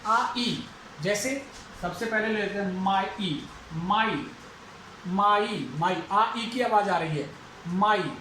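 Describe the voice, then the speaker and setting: A male English lecturer giving a phonetics lesson for exam students, who repeats each example word slowly several times. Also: sits high, pushed and bright. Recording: echoey room, faint background noise.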